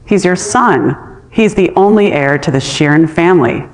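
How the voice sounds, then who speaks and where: A scornful young woman, as a story narrator puts her on, cutting and dismissive. The voice sits at a middle pitch and trails off into a long hall echo. She sounds flatly sure of herself. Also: normal speed, close to an everyday voice. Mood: firm. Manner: mocking, dismissive.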